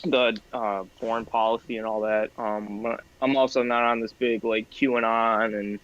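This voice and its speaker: A man speaks haltingly in a casual debate. He stumbles and apologizes as he works out his points. His voice comes through a dull, lo-fi call. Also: mid-range voice, level tone, a bit bright. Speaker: debate guest. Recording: dull lo-fi video call audio.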